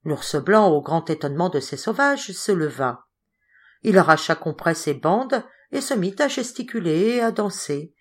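Woman, audiobook narrator, fairly low voice, measured expressive reading. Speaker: audiobook reader.

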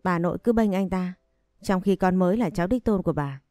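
A woman's voice: fairly low pitch, brisk, dry recording, studio quality, soft background music, natural voice. A woman voicing a spoiled, brutish young man who bullies and sneers. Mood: whiny. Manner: harsh, contemptuous shouting.

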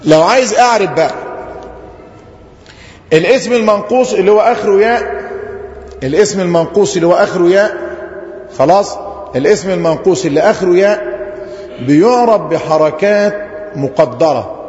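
A man with an Egyptian Arabic accent teaching a grammar lesson, who keeps asking the class questions, answering them himself and drawing out example phrases slowly. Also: sits high, a little mellow. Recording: roomy lo-fi hall recording.

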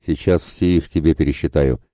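A huge, hot-tempered warrior who sneers and picks fights, played by a male narrator. The voice is very deep and dark. It is read dry and close for an audiobook. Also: fairly even intonation, brisk, dry recording. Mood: scornful. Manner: sneering and scornful.

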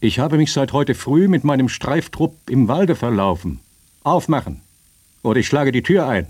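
A man voicing a gruff, hungry German army sergeant with a guttural, forceful voice, barking his demands. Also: lowish voice, animated, moderate pace, no room sound. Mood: commanding.

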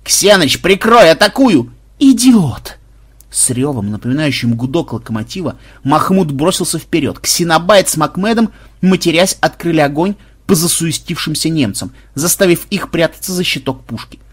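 A man narrating an action audiobook in an expressive manner. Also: on the high side, normal speed, breathy edge.

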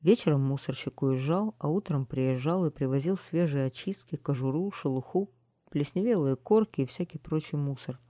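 A woman reading a children's story aloud in calm, even narration. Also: deep voice, moderate pace, no echo, studio quality. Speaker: audiobook reader.

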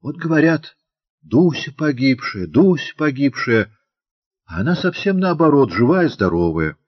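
A man voicing a lively, cheeky and nosy little girl in a chirpy, teasing manner. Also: mid-range voice, a little slow, muffled recording, pitched above the performer's own voice.

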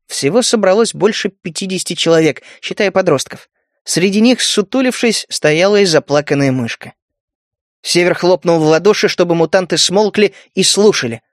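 A man narrating an audiobook in an even storytelling manner. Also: high voice, normal speed, dry recording, clean studio sound.

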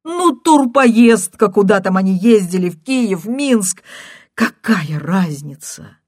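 A woman's voice: expressive, slow, darkish tone, dry recording, clean studio sound. A woman reading an audiobook and voicing a distraught, deserted wife who pleads and sobs on a phone call. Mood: frantic, tearful. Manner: shrill, pleading, sobbing.

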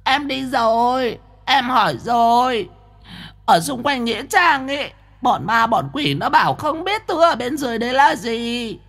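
A man's voice: extremely high pitch, expressive, gravelly, a bit bright, voice pushed up, heavily acted. A man voicing a flamboyant, effeminate ghost who is whiny and dramatic, wailing and drawing out his pleas. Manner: wailing, drawn-out pleading. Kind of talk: audiobook ghost story.

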